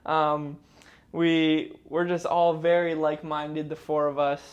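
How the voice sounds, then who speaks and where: Man in his twenties, podcast co-host, higher voice, playful slang-filled chat. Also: level tone, slow pace, highs cut off. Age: 20s. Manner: jokey, teasing, uses slang. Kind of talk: casual chat. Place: indoor room, filmed by a cameraman.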